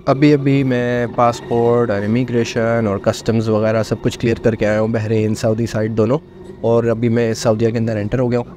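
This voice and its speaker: A motorcycle vlogger in his thirties talks casually at a moderate pace as he rides a desert highway, slipping English words into his travel narration. His helmet or action-camera mic catches faint wind and engine noise outdoors.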